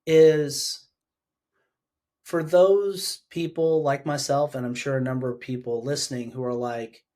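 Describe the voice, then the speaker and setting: A man's voice: mid-range voice, fairly even intonation, a little slow, mellow. Casual chatty man podcast host. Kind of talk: podcast interview conversation.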